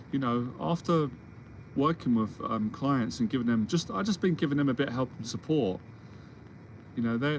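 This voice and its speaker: Casting: man, 40s, mentor type, rambling reassuring monologue, mid pitch, audible background noise. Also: low-quality recording. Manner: rambling, restarts often, reassuring. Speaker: confidence mentor. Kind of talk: solo Q&A monologue. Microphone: livestream or video call setup.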